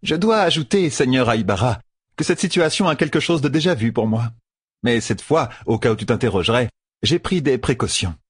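A regal, poised noblewoman, voiced by a male audiobook reader, speaking in a measured, composed way. The voice sits higher than his own, with lively rises and falls and a husky grain. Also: dry recording, clean studio sound. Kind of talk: audiobook character voice.

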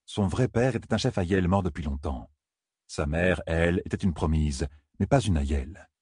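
A man narrating a fantasy novel as an audiobook, in a measured, even storytelling manner. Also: low-pitched, slightly rough, no echo, studio quality.

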